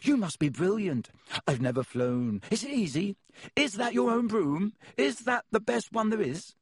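A man reading an audiobook, voicing an excitable young schoolboy fan who fires off breathless questions in a piping voice. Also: high voice, normal speed, slightly rough, no room sound, clean studio sound, voice pushed up, exaggerated voice. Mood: eager, awestruck. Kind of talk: audiobook character voice.

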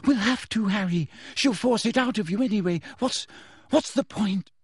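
An earnest storybook schoolgirl, performed by a man, pleads in a high voice. She sounds anxious and fretful, halting between phrases, with very animated pitch. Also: breathy edge, dry recording, clean studio sound, heavily acted. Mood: desperate.

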